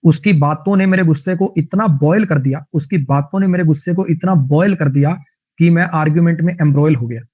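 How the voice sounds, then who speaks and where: Speaking Hindi with a Haryanvi tinge, a male teacher runs an online vocabulary lesson full of jokes, chatter, and lively anecdotes. His voice is slightly high and a bit fast, and the audio is lo-fi.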